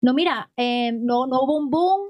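A woman's voice: sits high, moderate pace, no room sound. Chatty woman musing on faith. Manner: animated, rambling, frequent "o sea" and "¿ok?". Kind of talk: casual religious conversation.

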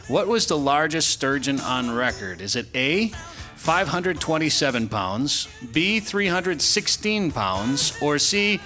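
Lively upbeat male radio quizmaster. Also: a little high. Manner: upbeat, laughing, puts on a game show voice. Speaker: radio show host and quizmaster. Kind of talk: casual radio quiz chat.

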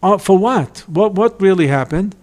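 A man teaching a Torah class as a lecture on a liturgical poem. He reads the Hebrew verses slowly and deliberately, explains them, and grows emphatic when stressing a point. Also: high voice, lively intonation, darkish tone. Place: lecture hall at a community center.

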